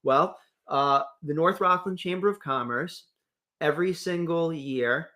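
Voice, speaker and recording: A man's voice: a little high, a little slow, sharp tone. A man co-hosting a casual local morning radio show, upbeat and reading sponsor plugs with enthusiasm.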